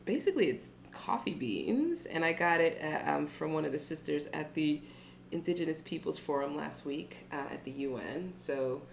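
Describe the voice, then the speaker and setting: A woman's voice: low-pitched, lively intonation, moderate pace, vocal fry, slight background noise. A woman co-hosting a casual chat, blunt and teasing, with a wry way of talking. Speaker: co-host.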